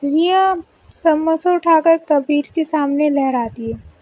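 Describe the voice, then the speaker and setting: A woman narrating a scripted story in a measured storytelling manner. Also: sits high, darkish tone, no room sound, rough recording.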